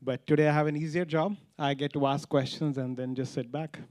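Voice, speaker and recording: Brisk man moderating, dry close sound. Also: a little high, fairly even intonation, darkish tone, dry recording. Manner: brisk, friendly. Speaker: panel moderator. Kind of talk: moderating a conference panel. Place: conference stage.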